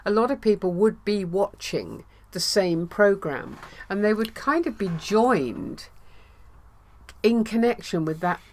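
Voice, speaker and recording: A woman co-hosting a casual chat, talking in a reflective way with soft laughs. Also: mid-range voice, lively intonation, unhurried, a little hiss or hum. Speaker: podcast co-host.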